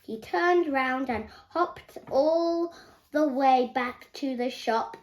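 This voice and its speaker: Young girl slowly reading a storybook aloud. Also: high voice. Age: child. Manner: halting, careful reading with stumbles and self-corrections. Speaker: young reader. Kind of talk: reading a children's picture book aloud.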